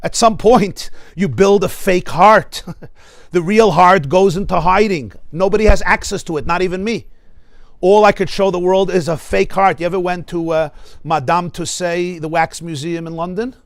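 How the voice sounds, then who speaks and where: A middle-aged American rabbi gives an animated class, his voice sitting high for a man. He laughs often and throws questions to his listeners. The sound is dry and close, with no room echo. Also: moderate pace, vocal fry. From United States. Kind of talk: lively spoken class. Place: synagogue study hall.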